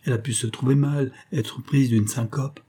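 Male narrator, audiobook reading, mellow dark tone, breathy texture. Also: mid-range voice, fairly even intonation, moderate pace. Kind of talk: scripted narration.

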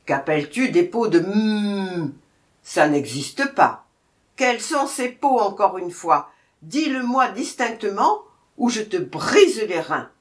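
A woman's voice: a little high, expressive, takes it slowly. A woman voicing a furious, menacing lioness who barks orders and threats in a storybook reading. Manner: commanding, threatening, loud.

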